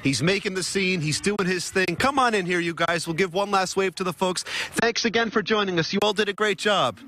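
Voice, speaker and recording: A man's voice: high voice, a little fast, pushed and bright, slight background noise. A man reporting live for a lifestyle TV show at an outdoor fair, joking playfully with the people he interviews. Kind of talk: live on-location TV segment.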